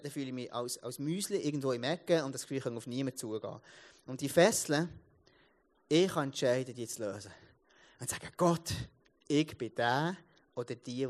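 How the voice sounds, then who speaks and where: A man in his thirties with a Swiss German accent, giving a casual sermon as a pastor, telling stories with many restarts. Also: on the high side. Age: 30s. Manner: lively storytelling, many restarts and repeated words.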